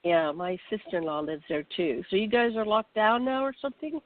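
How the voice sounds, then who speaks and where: A woman's voice: medium pitch, lively intonation, fairly quick, dry recording. A woman hosting a radio talk show, chatting in a rambling, easygoing way as she sets up her guest. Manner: chatty, rambling, self-narrating. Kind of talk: casual radio chat. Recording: tinny phone line.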